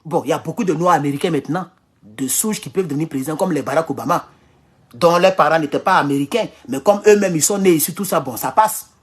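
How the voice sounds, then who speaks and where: Brief: Ivorian man, husky high-set voice, animated vlog rant that loops back on its own phrases. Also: fast talker. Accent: Ivorian French. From Ivory Coast. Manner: animated, repeats phrases, chuckles often. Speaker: political commentator. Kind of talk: casual political monologue. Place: at home in his kitchen.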